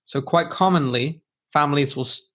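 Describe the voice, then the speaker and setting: A man's voice: a little high, normal speed, a bit bright. A man hosting an English-learning podcast, explaining in simple, conversational language and rephrasing for a learner. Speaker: podcast host and English teacher.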